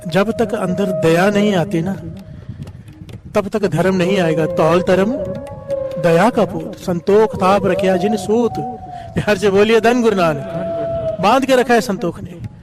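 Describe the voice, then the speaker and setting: A man, telling a story and breaking into call-and-response chants. Devotional music plays clearly behind him. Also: high voice, a little slow, pauses often. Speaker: preacher. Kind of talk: devotional katha sermon.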